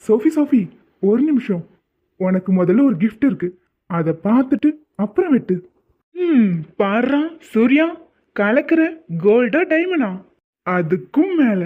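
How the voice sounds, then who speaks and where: A performer voicing a caring, affectionate young husband in a cartoon, speaking gently and soothingly. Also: medium pitch, big pitch swings, measured pace, pauses often. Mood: gentle. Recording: tinny phone-like audio.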